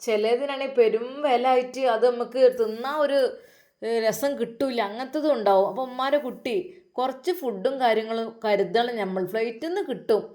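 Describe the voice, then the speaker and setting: A woman's voice: on the high side, moderate pace, mellow, close to an everyday voice. A woman voicing a devout, tender elderly mother with a Malappuram Malayalam accent, talking fondly and full of blessings. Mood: doting. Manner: fond, blessing and doting.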